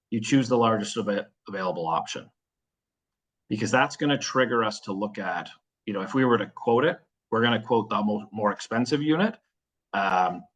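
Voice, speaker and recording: A man's voice: medium pitch, husky, rough recording. A man explaining product selections in a webinar walkthrough, practical and full of fillers.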